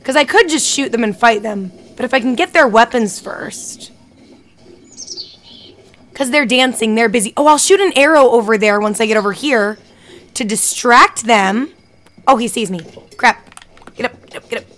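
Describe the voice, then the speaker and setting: A woman streaming a game live, talking through every move in a voice set a touch high. She is chatty and quick to get excited, reacting out loud and musing to herself as she plays. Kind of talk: live gameplay commentary.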